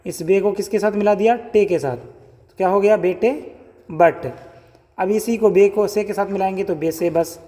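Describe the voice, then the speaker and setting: A man teaching how to write Urdu letters step by step, spelling out and repeating each letter sound slowly. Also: high-pitched, mellow. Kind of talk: step-by-step writing lesson. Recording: long hall reverb.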